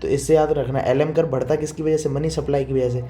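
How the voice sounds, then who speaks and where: A quick-talking young male economics teacher gives a classroom lecture explaining diagrams, his voice on the high side, steady and warm. His informal teaching is repetitive, frequently checking understanding with "theek hai" and calling students "beta".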